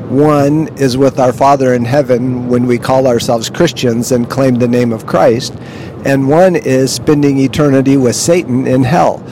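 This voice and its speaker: Slow man, low-quality audio in a vehicle. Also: warm tone. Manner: slow, measured, earnest. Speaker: podcast host. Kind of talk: devotional monologue. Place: inside a moving vehicle. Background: faint vehicle rumble.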